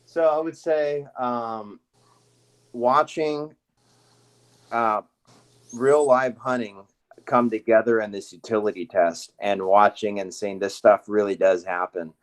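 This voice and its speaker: Guy with a lowish voice rambling through dog training stories, lots of ums and restarts. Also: slow pace. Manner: relaxed, rambling, many fillers and restarts. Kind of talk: casual podcast storytelling.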